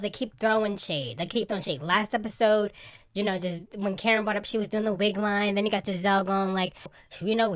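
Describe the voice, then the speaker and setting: A woman giving casual, sassy commentary on a reality show, gossipy and animated with lots of slang. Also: medium pitch, no room sound. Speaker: reality TV recap vlogger.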